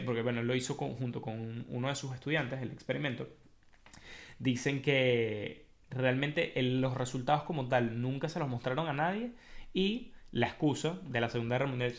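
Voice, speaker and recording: A man with a Venezuelan accent hosting a casual explanatory monologue, telling it in a colloquial, animated way with slang. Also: medium pitch, normal speed. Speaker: host.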